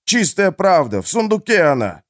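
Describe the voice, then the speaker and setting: A man's voice: high-pitched, big pitch swings, moderate pace, fairly bright tone, pitched above the performer's own voice. A man voicing a cowardly male jailer who sneers at first and then begs for mercy under blows, in an audiobook. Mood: pleading. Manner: pleading, whining.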